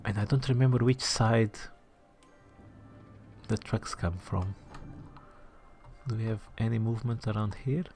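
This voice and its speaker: His voice sits on the low side, steady and a little mellow, moving a bit slowly with long pauses while soft music plays. He's a gaming channel host working through a city-building game, thinking out loud, muttering, and at times whispering. He keeps things chatty and self-deprecating with his audience.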